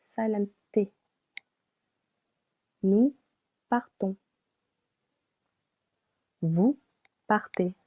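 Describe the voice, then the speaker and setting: Woman teaching pronunciation super slow, repeats every word, tinny phone-like sound. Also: mid-range voice. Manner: spells out letters and repeats each word slowly. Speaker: French teacher.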